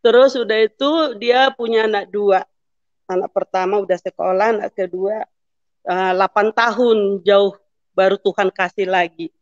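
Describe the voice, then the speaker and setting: A woman's voice: medium pitch, moderate pace, no room sound, lo-fi sound. A woman in her fifties giving an emotional testimony to a pastor, acting out the dialogue and rising into pleading prayer.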